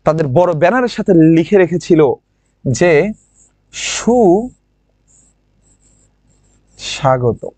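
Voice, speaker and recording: Lively high-voiced Bangladeshi teacher. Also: male voice, dry recording. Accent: Bangladeshi Bangla with a regional lilt. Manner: drills words by repeating them slowly, asks students questions. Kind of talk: online admission-prep class.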